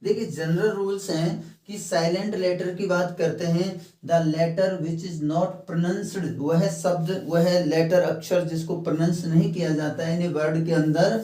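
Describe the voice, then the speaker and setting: A man teaching a phonetics lesson, explaining each point slowly and step by step, slipping English terms into his talk. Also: a little high, steady tone, warm tone, distant mic. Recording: echoey room, mic set back.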